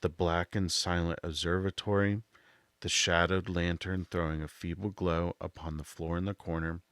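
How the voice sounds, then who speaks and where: A man narrating a literary audiobook in a soft voice, with a measured, deliberate delivery. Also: low-pitched, little pitch movement, clear, resonant tone, no echo.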